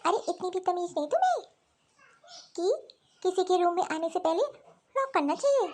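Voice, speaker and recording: A woman voicing a snobbish, spoiled teenage girl who talks in a mocking, dismissive way, for an animated story. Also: very high-pitched, normal speed. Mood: scornful.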